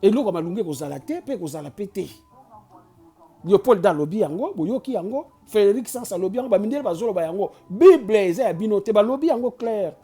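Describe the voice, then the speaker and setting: A channel host from Kinshasa with a Congolese accent gives an impassioned, preachy and urging address, switching between Lingala and French and often stumbling, stammering and restarting mid-sentence. His mid-range voice is animated, fast, mellow and slightly breathy, with soft music in the background.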